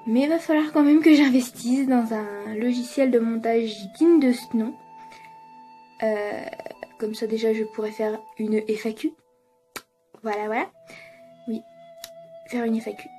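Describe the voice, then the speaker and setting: A woman's voice: on the high side, measured pace, warm tone, soft background music. A young woman chatting casually to her viewers in a vlog from her apartment. She laughs often, swears freely and pokes fun at herself. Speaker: YouTuber. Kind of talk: casual vlog chat to camera.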